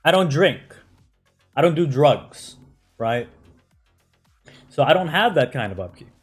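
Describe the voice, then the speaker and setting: A man's voice: a little high, very animated, unhurried, husky, faint music behind. A man who grew up in the United States, chatting casually on a game live stream, answering chat with lots of fillers and "right?" tags.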